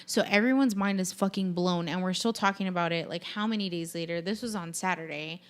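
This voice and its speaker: A woman's voice: fairly low pitch, brisk, smooth. A woman hosting a podcast in casual chat, talking animatedly with lots of fillers and frequent swearing. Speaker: podcast host.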